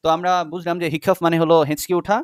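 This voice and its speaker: A young male tutor with a slightly high voice talks students through a poem line by line. He repeats each tricky word slowly and keeps asking if they follow. The sound is close and dry, with no room around it. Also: flat delivery, clear, resonant tone, no room sound. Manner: patient, repeats words slowly, checks in with "okay?". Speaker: English teacher. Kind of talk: classroom lesson explaining a poem.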